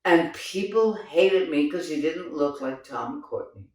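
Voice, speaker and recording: An older woman, a theater director, reminiscing in a casual chat, animated and laughing often as she tells stories. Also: deep voice, a little slow, recorded from a distance. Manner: animated storyteller, laughs often, exclaims "oh my God". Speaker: theater director recalling past productions. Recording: echoey room, voice from off mic.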